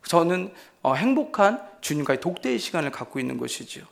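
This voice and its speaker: Korean pastor guy preaching, high voice with gravel in it, lots of rhetorical questions. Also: big pitch swings, a little fast. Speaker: associate pastor. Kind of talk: sermon.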